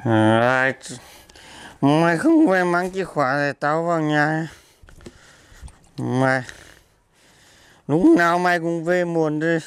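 A man's voice: fairly high pitch, slow, long pauses, clean tone. An actor playing a drunk, belligerent husband locked out of his house, slurring and mumbling. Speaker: comic skit actor. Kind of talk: amateur comedy skit acting.

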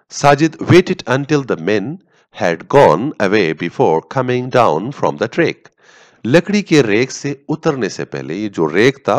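Slow, lively-voiced male teacher. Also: lowish voice. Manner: reads English lines very slowly, then explains at length with filler pauses. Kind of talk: line-by-line story translation lesson. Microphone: voice-over on slides.

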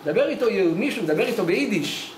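A man's voice: sits high, lively intonation, slight background noise. A man, a rabbi, giving a storytelling sermon in a study hall and acting out the dialogue of his tale. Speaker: rabbi giving a weekly Torah lesson. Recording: echoey hall with faint ambience.

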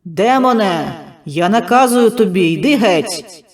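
A man voicing a booming, commanding male faith healer who roars drawn-out commands. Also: lively intonation. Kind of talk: dramatic storytelling.

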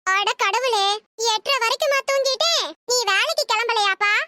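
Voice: very high voice, moderate pace, sharp tone, dry recording, clean studio sound. A woman doing a bossy old cartoon mother-in-law. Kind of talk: comic cartoon dub.

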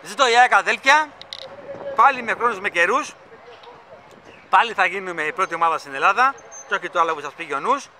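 A chatty man with a fairly high voice narrates a casual vlog outdoors. He rambles enthusiastically on a handheld camera mic. Machinery and site noise run clearly behind him. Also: lively intonation, pauses often. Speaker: vlogger filming a stadium construction site. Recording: loud construction site noise.

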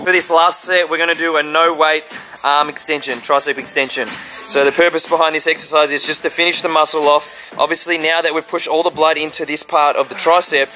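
A man's voice: on the high side, fairly even intonation, brisk, bright, forceful tone, rough recording. A young man, a fitness trainer, casually explaining a workout in a gym. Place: large gym, indoors. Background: music.

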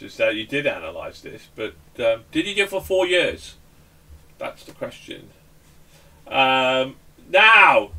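Bright lively man, jokey host. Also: fairly high pitch, distant mic. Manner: jokey, rambling, lots of ums and restarts. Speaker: host of album review show. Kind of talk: casual album review chat.

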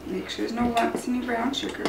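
Her voice sits fairly high and creaky, and she talks a little fast with a flat delivery. The middle-aged home cook casually walks viewers through a dish, one step at a time, on her kitchen show. A camera mic at a few metres gives distant, echoey audio with loud clattering in the background.

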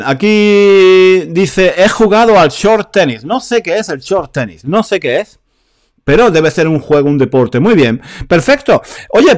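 A man from Spain teaching a live online Spanish class, reading out viewers' comments in a chatty way and repeating phrases. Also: on the high side.

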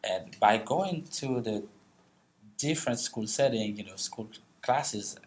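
A middle-aged Haitian man with a Haitian accent tells personal stories as a guest speaker on a panel in a large meeting room. His voice sits on the low side with lively intonation, and he halts often, restarting and laughing frequently.

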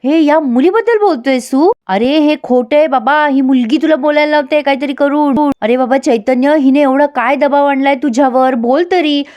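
A woman's voice: high-pitched, moderate pace, hardly any pauses, a little mellow, pitched above the performer's own voice, natural voice. A woman voicing an angry young man who heatedly accuses and scolds his friend. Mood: heated accusing.

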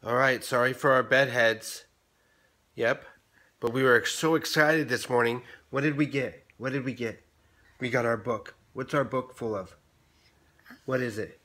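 A woman filming a casual home video, gushing with mock excitement, giggling often and playing up the joke. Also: rumbling low, a little slow, long pauses. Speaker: parent vlogger. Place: home in the morning. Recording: roomy echo.

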